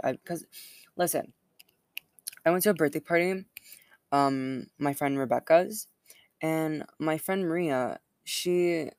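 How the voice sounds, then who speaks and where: A woman's voice: rumbling low, gravelly, no echo. A young adult woman hosting a podcast in casual chat, rambling with constant fillers, recorded outdoors on a built-in computer microphone. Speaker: podcast host.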